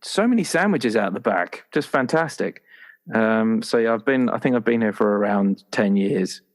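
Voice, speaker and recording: At a normal speed and with an animated, lowish voice, a man casually chats about his game character. He plays tabletop roleplaying games and comes across as playful, enthusiastic, and prone to rambling.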